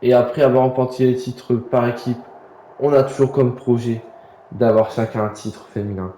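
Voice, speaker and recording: A man's voice: medium pitch, level tone, normal speed, warm tone, echoey room, slight background noise, natural voice, poor audio. A man voicing an arrogant female wrestling champion. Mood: boastful. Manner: boastful, insulting. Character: arrogant female tag team wrestler cutting a boastful promo.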